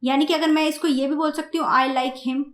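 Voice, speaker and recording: High-voiced woman teaching grammar. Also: fairly even intonation, roomy sound. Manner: slow, repeats and asks the class questions. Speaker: German language teacher. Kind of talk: grammar lesson explained in Hindi.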